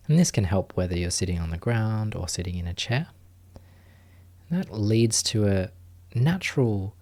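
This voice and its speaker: Short, gentle phrases and long pauses mark this man's delivery as he guides a meditation session as its teacher. He speaks softly, at a fairly low pitch.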